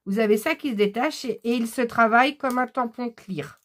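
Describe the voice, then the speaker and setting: A woman's voice: a little high, moderate pace, fairly bright tone. A woman chatting casually through a craft-supply haul, enthusiastic and full of hesitant fillers. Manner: enthusiastic about craft items. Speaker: scrapbooking vlogger. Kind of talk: casual haul chat, showing purchases.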